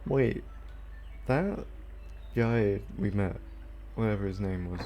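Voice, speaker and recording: A man's voice: lowish voice, slow, dark tone, a little hiss or hum. A man giving casual, scared and uneasy commentary as he plays a horror game, often muttering his reactions. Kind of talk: casual let's play commentary. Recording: game music behind the voice. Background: game music.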